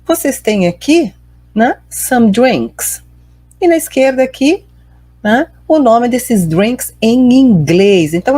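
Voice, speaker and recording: Brazilian woman teaching English, slow and lively. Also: a little high, slightly rough, dry recording. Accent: Brazilian Portuguese. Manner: slow, careful pronunciation drills, switching between Portuguese and English. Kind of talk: online English lesson.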